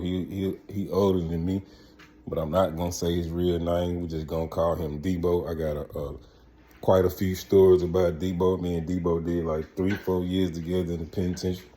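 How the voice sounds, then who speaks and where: Deep-voiced man. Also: flat delivery, moderate pace, dark tone. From Mississippi, United States. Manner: colloquial street slang, rambling and repetitive. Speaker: vlog host and storyteller. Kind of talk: casual storytelling chat.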